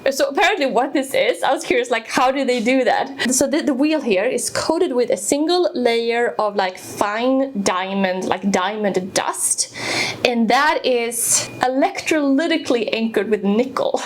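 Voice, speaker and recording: A woman's voice: a little high, measured pace, a little hiss or hum. Chatty woman demonstrating tools. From Sweden. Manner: chatty, explains step by step with fillers and restarts. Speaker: woodworking video host. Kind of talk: casual tool demonstration. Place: home woodworking workshop.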